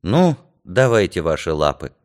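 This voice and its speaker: A man reading aloud, voicing a tall, gentle young man who speaks softly and hesitantly. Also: low-pitched, sing-song, normal speed.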